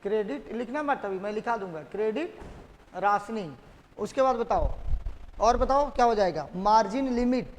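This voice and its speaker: A man's voice: sits high, lively intonation, moderate pace, a little hiss or hum. A male teacher giving a classroom lecture, repeatedly quizzing his students and having them echo the key terms. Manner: drilling students with repeated questions. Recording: classroom with long reverb.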